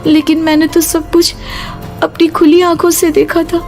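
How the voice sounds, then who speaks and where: A woman's voice: very high-pitched, flat delivery, moderate pace, a little mellow, soft background music. A young woman narrating a cartoon horror story in the first person, with a tense, breathless delivery and sudden cries.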